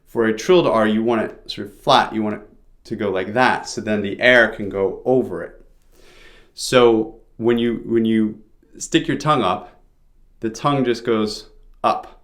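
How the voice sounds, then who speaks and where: A man's voice: on the low side, measured pace, a bit bright. A man giving an informal pronunciation lesson, explaining sounds step by step as a teacher.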